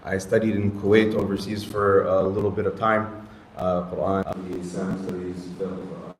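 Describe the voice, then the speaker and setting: A man in his thirties with a lowish voice introduces himself at a gathering. He jokes at his own expense and rambles through his background, sprinkling in Arabic phrases. The room gives his voice a noticeable echo and a faint hiss. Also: flat delivery, moderate pace. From United States. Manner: self-deprecating, joking, rambling with fillers and Arabic phrases. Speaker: Islamic studies teacher and youth director. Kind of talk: casual self-introduction to a group. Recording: echoey room with faint noise.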